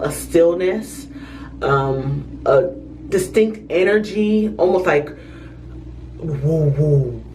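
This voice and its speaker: Texan woman telling a storytime, low voice, chatty, a bit far from the mic. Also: background noise. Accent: US Southern (Texas). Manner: chatty, animated retelling, acts out quotes. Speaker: storyteller, former hotel security officer. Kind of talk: casual storytime narration.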